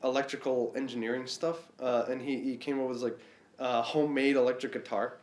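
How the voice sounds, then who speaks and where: A man's voice: mid-range voice, little pitch movement, brisk, a little mellow. Man, Boston accent, stuffy nose, laid-back swearing storyteller, roomy echoey sound. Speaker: podcast co-host. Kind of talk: casual chat. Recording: roomy echo.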